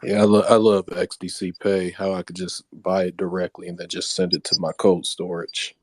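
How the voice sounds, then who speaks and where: A man's voice: deep voice, flat delivery, normal speed, darkish tone, no echo. A man in a casual online voice chat, talking loosely with many hedges. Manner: loose, hedging with frequent likes. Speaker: participant in a crypto community audio space.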